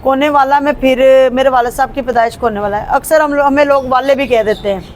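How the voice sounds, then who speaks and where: Interview guest: Punjabi-accented woman, unhurried and hesitant, recorded outdoors with faint street noise. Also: sits high, steady tone. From Pakistan. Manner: hesitant, with frequent fillers and restarts. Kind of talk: casual conversational interview.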